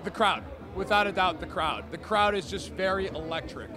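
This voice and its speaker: A man's voice: high-pitched, expressive, normal speed. A man chatting casually and enthusiastically in an interview as a wrestling ring announcer. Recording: outdoor urban crowd and traffic noise.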